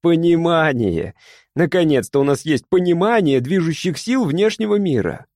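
A man voicing an excitable young man who shouts and rushes his words in a feverish rush. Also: no echo, clean studio sound. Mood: excited. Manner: shouting, high-strung, rushing.

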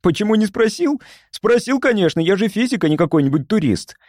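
A man voicing an excitable, indignant male physicist. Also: high voice, fairly quick, no echo, clean studio sound, voice pushed up. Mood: excited. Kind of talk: audiobook character voice.

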